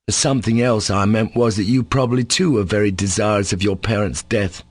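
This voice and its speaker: A man's voice: on the low side, steady tone, a little fast, no room sound, natural voice. A man reading an audiobook, voicing a sickly, resentful male servant who talks coolly and sarcastically. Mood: insolent. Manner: cool, defiant, sarcastic.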